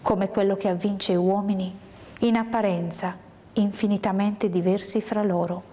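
A woman reading a first-person literary story aloud in a measured, hushed way, sometimes sinking into a whisper. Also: medium pitch, steady tone. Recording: long hall reverb.

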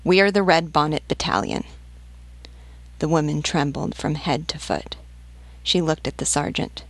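Low, gravelly woman narrating a classic novel. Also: dry recording. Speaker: audiobook narrator. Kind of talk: scripted reading of a classic novel.

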